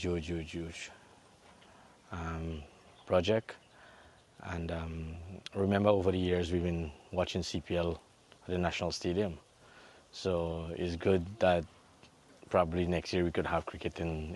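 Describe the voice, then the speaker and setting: A Guyanese man, a former cricketer, talks casually in an interview, often stumbling and repeating words. His voice is very deep and stays flat, with little rise and fall.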